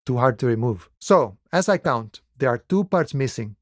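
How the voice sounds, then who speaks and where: A voice actor plays a laid-back union dockworker from a video game, using a mid-pitched voice in a very dry recording with no echo. His delivery is unhurried and familiar, wry and philosophical, friendly but never pushy. The performance is expressive yet lightly acted, with a casual, explaining mood.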